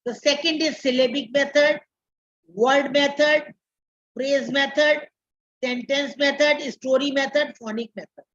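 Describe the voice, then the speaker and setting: An Indian English-accented woman lectures in a classroom, drawing out each term and repeating it for her trainees. Her voice sits high and her pace is unhurried. The recording is muffled and lo-fi. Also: fairly even intonation, fairly bright tone. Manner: slow, repeats terms, switches to Hindi. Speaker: teacher educator.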